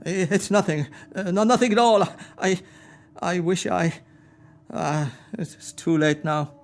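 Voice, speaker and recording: A man's voice: high-pitched, slow. A man acting an old miser, Ebenezer Scrooge, in a radio play, with a quavering, stammering delivery. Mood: wistful. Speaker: amateur radio play actor.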